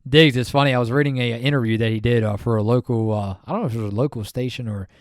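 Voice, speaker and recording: A man in a dry, close recording, his voice at an ordinary middle pitch as he chats about sports in a loose, animated way. He rambles and restarts his sentences with lots of fillers, his pitch jumping up when he gets excited. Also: very fast, dry recording. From Maryland, USA. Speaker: podcast co-host. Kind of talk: casual sports chat.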